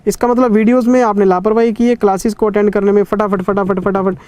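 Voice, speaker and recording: A man's voice: high-pitched, little pitch movement, fast, darkish tone, no echo. A man in his thirties teaching an accounting revision class in a conversational lecturing way, stern yet caring with students. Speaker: CA exam teacher.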